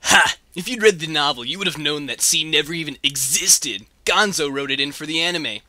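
A smug cartoon sidekick voiced by a man, fairly high and very sharp in tone. He teases like a self-satisfied know-it-all, recorded dry and close. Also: brisk, no echo. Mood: smug, teasing.

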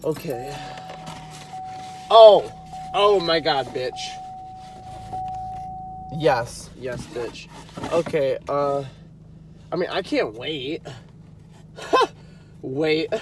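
A man's voice: fairly high pitch, animated, very slow, long pauses. A young man with a head cold vlogging casually, rambling and swearing as he talks, at times from a car. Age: young adult. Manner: rambling, exclamatory, swears freely. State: sick with a head cold, congested. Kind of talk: casual day-in-the-life vlog. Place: in a car, later at home. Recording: noisy car background.

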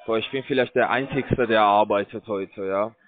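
On a tinny phone line with no room sound, a man speaking at normal speed cold-calls as a scam call center agent. He pushes his sales pitch in broken grammar, filling gaps with hesitant fillers.

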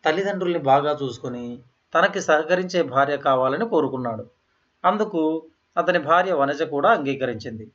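A man narrating a written story in a steady, measured reading voice. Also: a little high. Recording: slightly dull, lo-fi audio.

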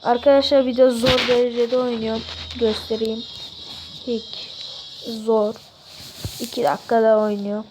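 A young-sounding, voice giving excited, casual football game commentary, exclaiming and shouting at goals and misses. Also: mid-range voice, unhurried, long pauses, noisy background. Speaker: gamer commentating own football career-mode play.

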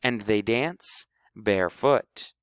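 A man's voice: lowish voice, slow, fairly bright tone, clean tone, no room sound. A man doing a grand, affected theatre director woman. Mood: grandly instructive. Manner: affected, dropping fake French phrases. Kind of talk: audiobook character voice.

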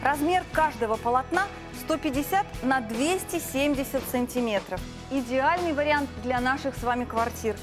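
High-voiced woman giving an infomercial sales pitch. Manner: gushing, drawn-out emphasis on sensual adjectives. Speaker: TV shopping presenter. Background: background music.

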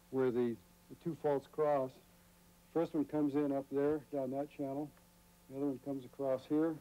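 Middle-aged man explaining outdoors, dark voice. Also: medium pitch, poor audio. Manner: unscripted, explains with gestures, some restarts. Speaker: scientist explaining geology and diving. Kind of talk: casual on-camera explanation. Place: outdoors by a rocky cliff.

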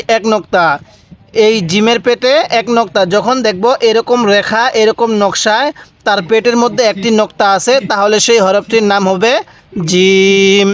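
A man teaching beginners to read Quranic letters, going slowly, repeating each letter and asking listeners to say it after him. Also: sits high. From Bangladesh. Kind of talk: step-by-step letter lesson.

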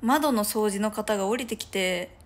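A young Japanese idol livestreamer chats casually from a room at home that has no curtains. Her mid-range voice moves at a normal speed as she rambles and giggles, using lots of fillers.

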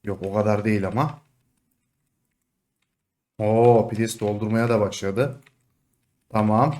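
A young man commentating his own online game match, excitable, taunting opponents with sudden shouts and dropping to low mutters. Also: takes it slowly. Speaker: gaming streamer. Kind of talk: live gameplay commentary.

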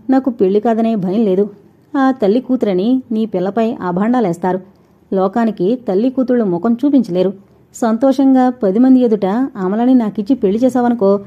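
A woman's voice: on the high side, moderate pace, natural voice. A woman voicing a brash, scornful young man who talks in a taunting, insistent way. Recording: dull lo-fi recording.

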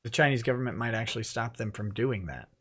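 A man in his thirties hosts a live stream from his indoor home office studio, talking fast in a mid-range voice that is a bit bright and husky. He is chatty and laughs often while reading viewer comments aloud. He uses a headset with a boom mic.

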